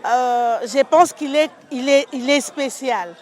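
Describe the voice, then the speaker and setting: Congolese woman talk-show host, high voice, measured pace, code-switches French and Lingala.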